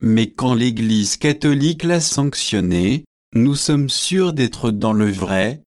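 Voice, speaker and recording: A provocative young student makes his case in a storybook, read out by a man. The delivery is very slow and measured. The voice sits at an ordinary pitch. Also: expressive, a little mellow, no echo, studio quality. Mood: arguing.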